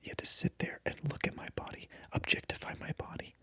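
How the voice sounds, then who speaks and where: This ASMR creator whispers quickly in a pushed, bright voice, right up against the mic. The monologue teases the viewer with playful, repetitive mock indignation.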